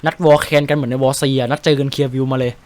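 Chatty, excitable Thai game streamer man. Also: mid-range voice, rapid-fire. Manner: chatty, excitable, swears casually, explains tactics. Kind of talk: casual gameplay commentary.

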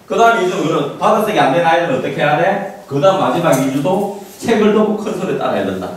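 A man's voice: a little high, very animated, fast talker, heavy reverb, recorded from a distance, poor audio. A man lecturing on study methods, quizzing his listeners with questions and repeating his points. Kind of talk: lecture to an audience.

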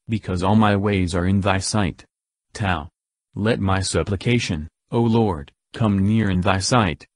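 A man reading the Psalms aloud in a measured, solemn, verse-by-verse delivery. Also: on the low side, a little mellow, no echo. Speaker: scripture reader.

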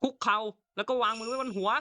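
A man's voice: sits high, brisk, sharp tone, clear, resonant tone, voice pushed up. A man voicing a stern male officer who warns a stranger and orders her to kneel, lifting his voice above his usual talk. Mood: commanding. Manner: commanding, warning tone.

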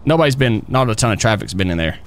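A man chatting casually as a live game streamer, folksy and excitable as he talks to his viewers and buddies. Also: lowish voice, quick pace. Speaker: streamer and police role-play host. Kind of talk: casual live stream chat while playing.

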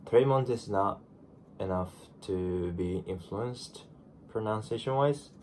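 Just awake and groggy, a Japanese man in his twenties vlogs casually from his small bedroom to a camera set in front of him on his desk. His Japanese-accented voice is on the low side, slow and a little mellow. He's chatty and self-deprecating, with restarted phrases, and there's a little hiss or hum.

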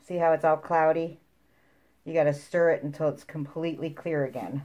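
A woman's voice: low voice, fairly even intonation, normal speed, mellow. A woman casually narrating a craft tutorial, her voice muffled by a mask over her mouth. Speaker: resin craft demonstrator.

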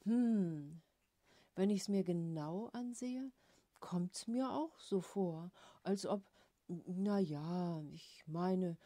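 A woman voicing a blustering, vain middle-aged father who speaks loudly and gruffly. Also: on the low side, animated, slow, dry recording, heavily acted. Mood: grudging.

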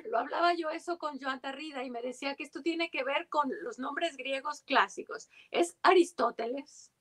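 A woman's voice: sits high, normal speed, bright, forceful tone. A woman translator in casual conversation, thoughtful and given to tag questions at the end of her points. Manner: thoughtful, often ends with "digamos, ¿no?".

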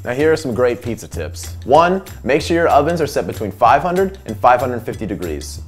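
A man's voice: medium pitch, sing-song, normal speed, soft background music. Overeager young male cooking show host. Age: young adult. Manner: overeager, showy presenter. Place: home kitchen, indoors.

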